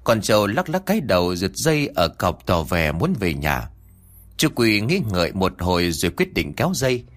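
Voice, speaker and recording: A man narrating a rural ghost story in an expressive, dramatic storytelling manner. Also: fairly low pitch.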